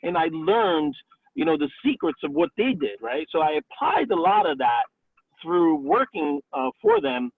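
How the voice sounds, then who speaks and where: This man's voice sits on the high side, sing-song and unhurried with a slight roughness, coming through a tinny, phone-like line with no echo. He's a restaurant owner and chef in his forties, born in Italy and raised in the Bronx, New York. Chatting casually in a career interview over a call, he fills his answers with "um" and "you know."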